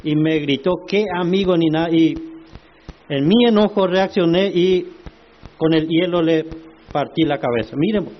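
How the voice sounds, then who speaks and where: A man preaching a sermon, slow and emphatic, asking the congregation rhetorical questions. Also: on the high side, dull audio.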